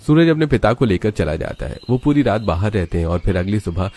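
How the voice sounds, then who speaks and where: A man narrating a scripted family story in a steady storytelling manner. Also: lowish voice, fairly quick, a little hiss or hum.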